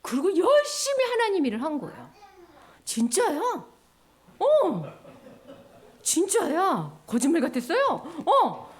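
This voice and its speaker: Woman, high and very lively voice, children's church teacher acting out the story. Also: takes it slowly, pauses often. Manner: animated, acts out characters' lines with sighs and cheers.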